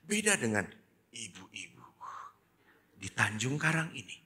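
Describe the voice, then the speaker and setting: Animated, bright-voiced preaching priest. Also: male voice, medium pitch, measured pace, breathy edge. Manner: animated storytelling, sudden drops to hushed whispers. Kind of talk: sermon.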